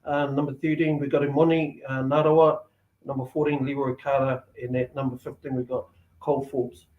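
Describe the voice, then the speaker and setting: A man's voice: mid-range voice, level tone, fairly quick, narrow, tinny audio. Man talking casually in a roomy space. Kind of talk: casual chat.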